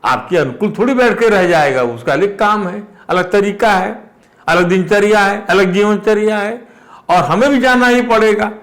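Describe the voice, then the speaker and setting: A man's voice: high voice, normal speed, a bit bright. An older man giving a spiritual discourse, repeating phrases and rising with emphasis on key points.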